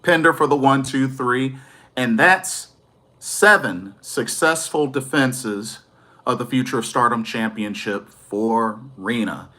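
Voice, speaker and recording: A man's voice: mid-range voice, slow, bright, forceful tone. A man giving a casual, enthusiastic wrestling review, rambling a little and correcting himself as he goes.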